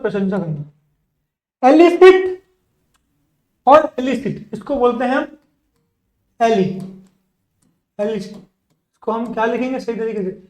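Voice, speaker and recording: A man teaching spoken English in a classroom, explaining words in Hindi, then saying each English example sentence slowly and carefully, often repeating words and asking the class questions back. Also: very high voice, roomy sound, poor audio. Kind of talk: bilingual classroom lesson.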